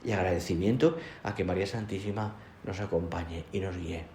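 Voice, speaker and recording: A man giving a sermon as a priest, pausing often, repeating words and adding tag questions. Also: low voice, fairly even intonation, gravelly, darkish tone, slight background noise. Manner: halting, repeats words, frequent "¿eh?" tags. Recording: echoey room, faint ambience.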